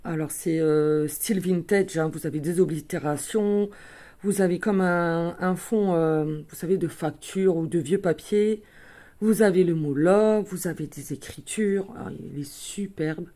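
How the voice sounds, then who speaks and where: Unhurried and fairly low in pitch, this woman's dark-toned voice carries a relaxed show-and-tell of craft items she bought. She chats to viewers casually, often using fillers and correcting herself in small ways.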